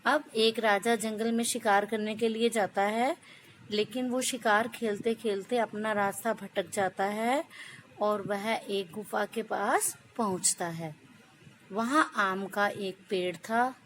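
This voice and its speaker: A woman teaching young children, reading a story aloud slowly and then retelling it and asking simple questions. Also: medium pitch, fairly even intonation, a little hiss or hum, poor audio.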